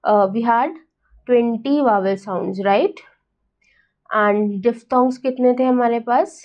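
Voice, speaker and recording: A young woman teacher with an Indian accent, a little high in pitch, giving a lesson in very slow, drawn-out phrases. She keeps asking "right?" and "got it?" to check that her listeners follow. The recording sounds dull and lo-fi. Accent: Indian English. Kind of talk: exam-prep lesson mixing Hindi and English.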